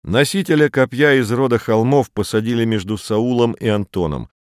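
A man narrating a chapter of an audiobook with steady, even reading. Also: mid-range voice, normal speed, smooth, no room sound, clean studio sound. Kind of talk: scripted narration.

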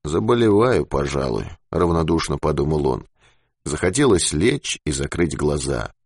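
A man reading an adventure novel aloud as an expressive audiobook narrator. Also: very deep voice, moderate pace, husky, no echo, studio quality.

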